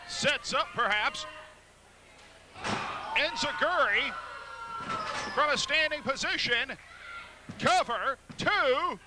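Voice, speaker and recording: A man doing live play-by-play wrestling commentary in clipped, blow-by-blow phrases. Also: extremely high pitch. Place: live wrestling event in an arena. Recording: noisy live event sound.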